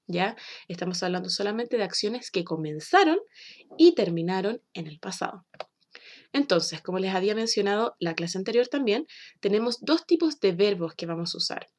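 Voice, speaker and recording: A woman from Chile, explaining a recorded English lesson for children slowly and patiently. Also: medium pitch. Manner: slow, clear, patient explaining with drawn-out example words. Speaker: English teacher.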